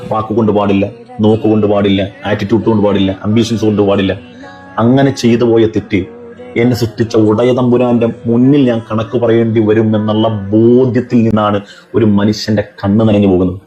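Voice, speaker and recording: Man, religious speech, rapid delivery, warm dark tone, rhetorical questions. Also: mid-range voice. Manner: fires rhetorical questions at the listener. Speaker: Islamic speaker.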